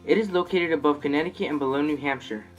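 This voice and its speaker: A man presents a scripted promotional pitch in the manner of an infomercial. His voice sits a little higher than most men's. Faint music plays underneath. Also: fast talker, lo-fi sound.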